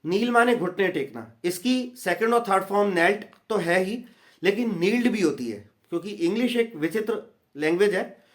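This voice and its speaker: A man's voice: high-pitched, lively intonation, normal speed. A man teaching English verb forms in a grammar lesson, repeating each word in rhythmic drills. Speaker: English tutor. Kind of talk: Hindi-language grammar lesson.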